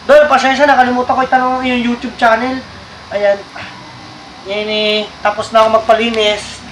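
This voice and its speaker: A man's voice: very high-pitched, flat delivery, normal speed, a bit bright. A man hosting his own vlog outdoors by the sea, chatting casually and thanking his viewers often. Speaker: vlogger host. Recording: echoey with faint noise.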